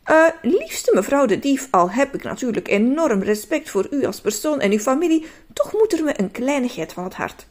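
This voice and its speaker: A woman's voice: sits high, sing-song, normal speed, darkish tone, voice pushed up. A woman voicing a stern, fussy storybook man who hates colour and scolds himself. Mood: rehearsing.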